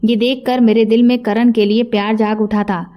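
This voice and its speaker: Woman, storyteller, scripted first-person narration, steady even delivery, fairly high voice, mellow tone. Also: normal speed.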